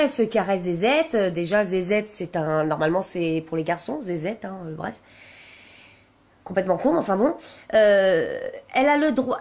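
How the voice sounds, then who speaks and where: A woman's voice: mid-range voice, a little mellow. A woman vlogging off the cuff, reading a document aloud and commenting on it in an indignant, agitated and rambling way. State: wound up, on edge.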